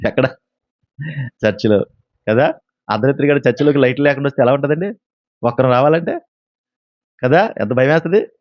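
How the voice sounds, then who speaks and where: Fast-talking male pastor, lo-fi sound. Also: mid-range voice, dry recording. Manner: storytelling with questions to the congregation and acted quotes. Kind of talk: sermon. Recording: dull lo-fi sound.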